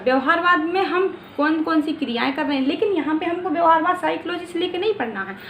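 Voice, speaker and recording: High-voiced woman teaching, echoey room. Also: a bit bright, a little hiss or hum. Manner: repeats "ठीक है" often, asks and answers own questions. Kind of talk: exam-prep lecture.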